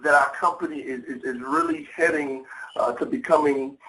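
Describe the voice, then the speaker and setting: A man's voice: fairly high pitch, normal speed, slight background noise. Echoey, distant fired-up man on a call. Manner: excited, repeats words often, says "y'all". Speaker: guest speaker on a sales call. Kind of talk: enthusiastic motivational call talk. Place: home office. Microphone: phone or conference line. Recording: echoey, far from the mic.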